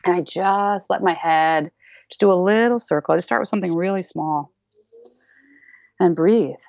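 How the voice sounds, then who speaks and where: A woman with a lowish, gravelly voice talks as a guest on a podcast. She is animated and playful, slipping into little acted-out voices and laughing easily. The sound is dry and a bit dull, like a lo-fi recording. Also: moderate pace, no room sound. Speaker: dance teacher guest. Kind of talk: enthusiastic podcast interview.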